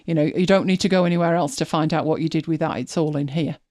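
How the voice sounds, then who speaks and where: A woman's voice: deep voice, steady tone, fast, a little mellow, no echo, studio quality. A woman hosting a live stream, chatting casually as she walks viewers through her screen, thinking aloud and often restarting her sentences. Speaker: host.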